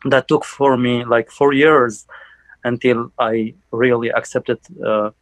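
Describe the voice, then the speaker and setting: A young man from Algeria giving a personal testimony in church, speaking haltingly with many fillers and restarts. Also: medium pitch, steady tone, no echo, poor audio. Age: young adult.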